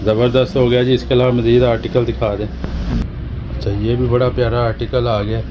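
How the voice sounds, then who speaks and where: A man hosting a clothing shop video, asking about each outfit and repeating the answers back with quick praise. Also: mid-range voice, little pitch movement, noisy background. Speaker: shopping vlog host. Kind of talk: casual shop interview.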